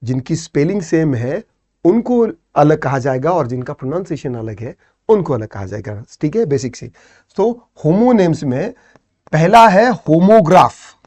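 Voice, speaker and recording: A man's voice: on the high side, lively intonation, moderate pace, a little mellow. A man with an Indian English accent teaching an exam-prep lesson, explaining step by step and often checking "theek hai".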